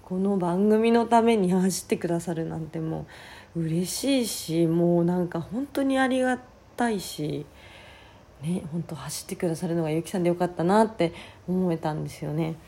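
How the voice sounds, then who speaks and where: A woman with a hoarse, raspy voice talking casually on her own as a podcast host. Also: fairly low pitch, moderate pace, warm tone. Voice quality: husky, raspy. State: hoarse voice, worn out from the day before. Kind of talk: casual solo chat.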